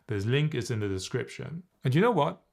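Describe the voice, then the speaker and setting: Lively male voice coach teaching on camera. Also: mid-range voice, a little fast, gravelly. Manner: animated, playful, demonstrates humming exercises. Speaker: presentation coach.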